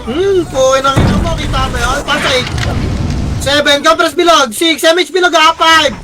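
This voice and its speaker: A young man calling shots for his guild in live game voice chat, firing off rapid repeated commands and frequent curses. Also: very high-pitched, steady tone. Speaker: guild shot caller.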